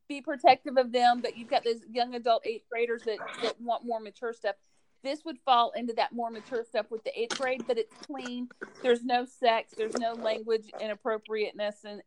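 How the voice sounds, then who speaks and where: On a podcast, a school librarian with a fairly high voice chats casually and enthusiastically, recommending books. The audio quality is poor.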